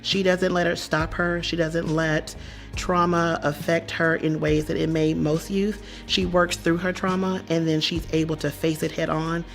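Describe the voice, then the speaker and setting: An adult with a gravelly, creaky voice speaks admiringly, mid-pitched and steady. Soft music runs under the interview. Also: a little slow. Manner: admiring, warm praise. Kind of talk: interview in a tribute video.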